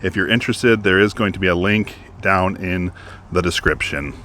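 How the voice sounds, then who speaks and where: Low-voiced man reviewing a gadget. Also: moderate pace, sharp tone, slight background noise. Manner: chatty, upbeat, thinking aloud. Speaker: product reviewer. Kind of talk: casual product review. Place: beach, outdoors.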